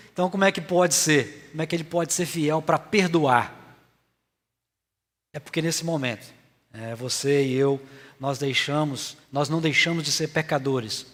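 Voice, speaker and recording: A Brazilian man preaches a sermon with a fairly high voice, his words trailing off into a long church-hall reverb. He speaks earnestly but haltingly, pausing often to fill gaps before pressing his point. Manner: earnest, halting delivery with frequent filler pauses. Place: church sanctuary.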